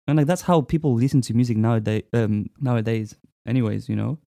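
A man in his twenties from France, a musician talking casually in an interview, relaxed and hesitant with many fillers. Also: mid-range voice, fast, creaky, no echo, clean studio sound. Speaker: musician guest.

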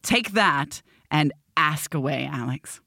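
A woman's voice: sits low, lively intonation, slow, creaky, sharp tone, no echo, studio quality. A woman chatting casually as a returning podcast guest. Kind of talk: casual chat.

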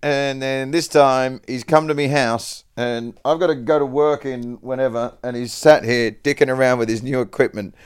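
A man's voice: mid-range voice, fairly even intonation, normal speed, hardly any pauses, clean tone, no echo, studio quality. A man in his forties, a podcast guest, chatting in a sarcastic, mock-exasperated way and swearing a lot. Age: 40s. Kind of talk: casual podcast chat.

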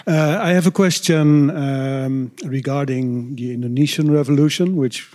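A man's voice: mid-range voice, steady tone, unhurried, darkish tone. A man from the Netherlands, a native Dutch speaker with a Dutch accent, hesitantly asking a question from the audience.

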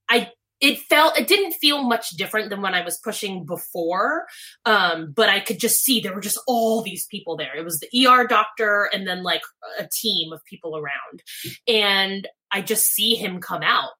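A woman's voice: medium pitch, sharp tone. A young woman telling a personal story in a casual, chatty way, often saying "like" and acting out her own past thoughts.

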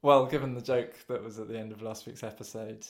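A man co-hosting a podcast in casual chat, quick and joking with self-aware banter. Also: on the low side, steady tone. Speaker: podcast co-host.

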